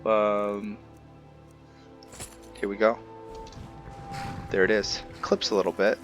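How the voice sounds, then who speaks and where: A man with a lowish voice and flat delivery speaks slowly while hosting a gameplay video, thinking aloud and talking informally to viewers in casual roleplay commentary. Soft music plays in the background.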